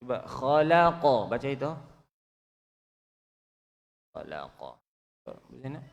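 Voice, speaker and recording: A man teaching Quran recitation, correcting pronunciation and drilling syllables slowly for his students to repeat. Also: medium pitch, sing-song, creaky, highs cut off. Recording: long hall reverb.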